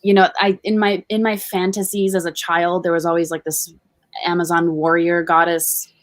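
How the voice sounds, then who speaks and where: Speaking with a lowish, fairly flat voice at normal speed, this Bosnian interview guest talks candidly and casually, unbothered by swearing. She works as a professional dominatrix and educator, and there's no room sound on the recording.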